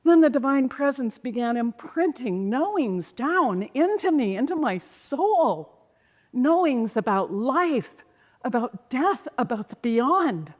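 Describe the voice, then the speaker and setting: A woman telling a dramatic personal story in a slow, intense way, sometimes sinking to a whisper. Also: sits high, sing-song, in a large hall. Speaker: speaker.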